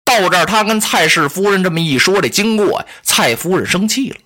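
A storyteller narrating a traditional tale with animated, conversational asides to the listeners. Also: mid-range voice, brisk.

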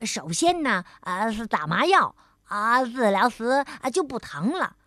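A woman's voice: fairly high pitch, very animated, unhurried, a bit bright, no room sound, clean studio sound. A woman voicing a cheerful, proud male beaver dentist in a children's story, drawling with many fillers. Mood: explaining. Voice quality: drawling, filler-heavy speech.

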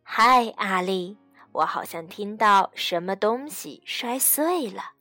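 A woman voicing a loving, patient mother in a bedtime storybook, speaking softly and gently. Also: medium pitch, lively intonation, slow, no echo, faint music behind, voice pushed down, heavily acted. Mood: tender. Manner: soft, gentle reassurance.

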